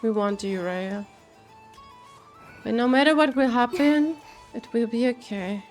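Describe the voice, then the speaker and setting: A woman with a fairly high voice comments casually on a game. She takes her time, musing and halting as she thinks aloud. Soft music runs behind her. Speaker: streamer.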